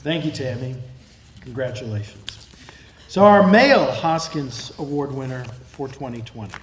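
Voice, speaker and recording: A man presenting awards, reading each citation in a measured, formal way. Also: medium pitch, background noise. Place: event hall at a lunch.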